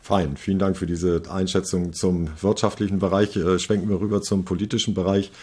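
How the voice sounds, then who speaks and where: A man's voice: sits low, little pitch movement, brisk, darkish tone, slightly rough. A man conducting an interview, asking long conversational questions with many fillers. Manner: conversational, thinking aloud with fillers.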